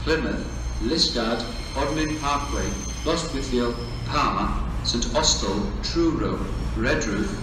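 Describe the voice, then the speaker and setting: A Welsh man making formal, automated train platform announcements in clipped pre-recorded phrases. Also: medium pitch. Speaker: station announcer. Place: railway station, over public address speakers. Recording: echoey, distant station PA with background noise. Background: station ambience.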